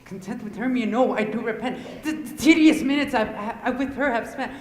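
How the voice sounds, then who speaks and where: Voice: mid-range voice, fairly quick, close to an everyday voice. A teenage student playing a rash young male lover in a school stage play, speaking earnestly from a distant mic in an echoey hall. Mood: ardent. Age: teens. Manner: earnest declamation with stumbles. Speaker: student actor. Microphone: distant room mic.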